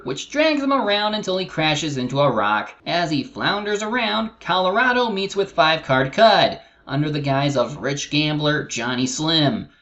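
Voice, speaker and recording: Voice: medium pitch, fairly bright tone, muffled recording. A co-host narrating a scripted cartoon review, recapping the episode as commentary.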